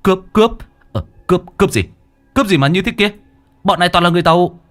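A man doing a loud excited bystander. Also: high-pitched, fast, soft background music, voice pushed up. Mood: incredulous.

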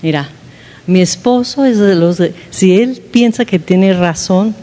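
A woman's voice: medium pitch, unhurried, dark tone. Woman preaching in a reverberant hall. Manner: candid and self-mocking, checks in with listeners. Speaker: speaker at a women's church gathering. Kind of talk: informal sermon talk.

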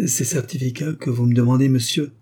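A man's voice: medium pitch, fairly even intonation, fairly quick, warm tone, breathy edge, voice pushed up, natural voice. A man voicing a proud young French governess who speaks with hesitant, emotional pleading. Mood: wounded pleading.

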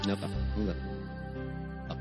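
A man giving informal dharma teaching on chanting at a retreat, chatty and repeating words as he searches for them. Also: normal speed. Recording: echoey hall, dull lo-fi sound, faint music.

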